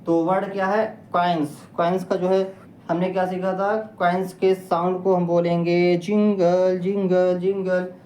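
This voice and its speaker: A woman's voice: fairly low pitch, flat delivery, measured pace, dark tone. A woman teaching English vocabulary in a patient lesson, spelling words out letter by letter and quizzing her listeners. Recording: echoey room with faint noise.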